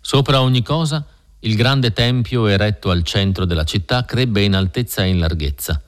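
A man narrating a classic novel in a measured, steady storytelling manner. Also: on the low side. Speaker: audiobook narrator. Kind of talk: scripted literary narration.

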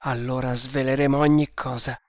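A man voicing a brave, defiant male hunter in a storybook reading, speaking low and steady. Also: moderate pace, very noisy, close to an everyday voice. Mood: resolute.

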